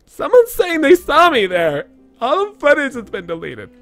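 Casting: male performer as flustered, apologetic young valley girl, exaggerated high girlish delivery for comic game dialogue. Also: huge pitch swings, moderate pace, fairly bright tone, no room sound, faint music behind, full character voice. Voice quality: high-pitched put-on girlish voice. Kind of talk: mock voice-acting of game text.

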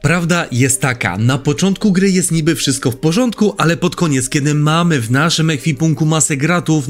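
Young male game reviewer, slightly high voice, wry and lively, faint music underneath. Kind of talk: scripted retro game review voice-over.

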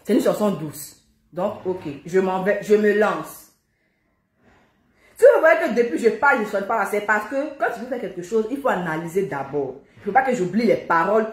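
A woman, chatting playfully and joking as she breaks into song, a little out of breath. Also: medium pitch. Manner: playful, chatty, breaks into sung worship lines. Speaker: singer. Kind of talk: casual chat with singing. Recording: echoey room with music behind.

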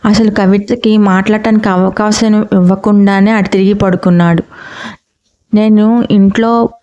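Mellow woman narrating a family drama. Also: medium pitch, flat delivery, normal speed. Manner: voices each character's lines in her own voice. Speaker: storyteller. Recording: muffled lo-fi recording.

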